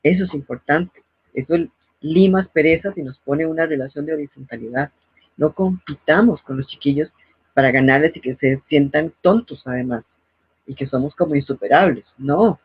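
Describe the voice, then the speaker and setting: Husky woman giving advice. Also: deep voice, moderate pace, no echo. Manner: didactic, acts out scolding parents in quotes. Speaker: host. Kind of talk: advice talk on parenting. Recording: dull, lo-fi dry recording.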